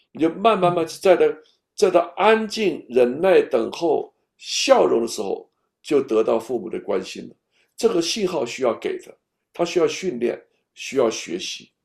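A man giving a patient, step-by-step talk on raising children, at times speaking straight to an imagined baby and dropping to a soft whisper. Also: fairly high pitch, creaky. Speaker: parenting speaker.

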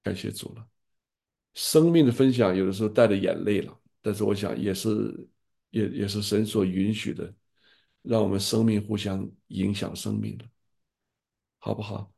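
A man's voice: lowish voice, steady tone, normal speed, gravelly, dark tone, husky. An older man, a pastor, sharing earnest fatherly advice in an online group gathering.

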